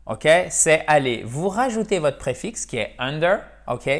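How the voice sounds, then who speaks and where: Man teaching English, chatty. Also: a little high. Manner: lively, repeats words slowly, asks ok?. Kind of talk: casual video lesson.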